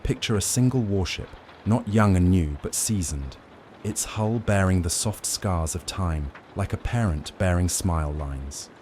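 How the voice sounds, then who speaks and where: A man with a very low, dark and mellow voice narrates a sleep story. His delivery is gentle, measured and soothing, lulling the listener along. A faint ambient noise sits behind the voice. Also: rough recording. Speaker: narrator of bedtime lore stories.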